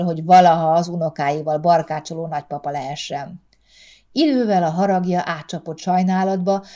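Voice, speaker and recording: Brief: female narrator, lowish voice, calm measured storybook reading. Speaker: audiobook narrator. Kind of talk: scripted narration.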